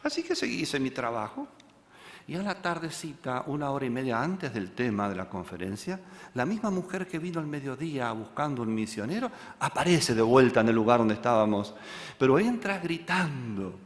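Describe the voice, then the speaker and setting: A pastor, preaching a sermon and telling a story that he acts out, moving from loud passages to hushed ones. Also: mid-range voice, sing-song, normal speed, in a large hall.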